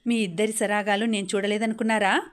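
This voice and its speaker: A woman's voice: medium pitch, flat delivery, fast, close to an everyday voice. A woman reading the lines of a bold teenage daughter who confronts her father in a storybook reading. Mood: accusing. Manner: accusing.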